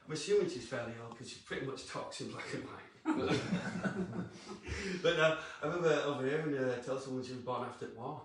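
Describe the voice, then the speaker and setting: A man's voice: medium pitch, fairly quick. A man performing a live stand-up set in a comedy club, sardonic and self-mocking, laughing between his lines. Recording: echoey club, distant mic, crowd noise. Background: audience laughter.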